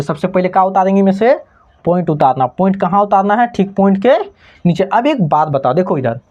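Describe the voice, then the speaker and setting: Woman math teacher, Bhojpuri-tinged Hindi, very animated pitch, keeps checking that students follow, dull lo-fi sound. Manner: keeps checking understanding with repeated questions. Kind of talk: classroom math lesson. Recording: slightly dull lo-fi recording.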